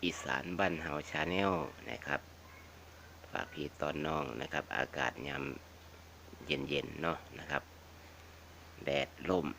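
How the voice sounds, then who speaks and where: A man's voice: rumbling low, huge pitch swings, slow, vocal fry, pauses often, sharp tone, slight background noise. A man with a northeastern Thai Isan accent chatting casually and repetitively to viewers as a folksy vlog host, addressing them like family. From northeastern Thailand (Isan). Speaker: video channel host. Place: outdoors around a house.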